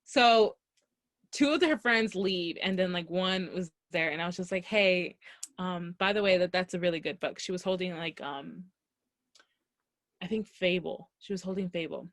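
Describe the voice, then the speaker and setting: A young woman co-hosting a podcast, telling a casual story and acting out the dialogue with lively energy. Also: fairly low pitch, moderate pace, no echo. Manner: animated, acts out quoted dialogue. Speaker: podcast co-host. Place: Los Angeles area.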